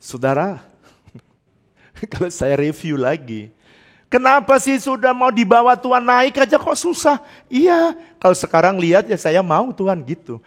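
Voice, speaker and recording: A middle-aged male pastor preaching a sermon, animated and playful, laughing often and dropping into English phrases. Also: sits high, measured pace. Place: church hall. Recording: long church-hall reverb.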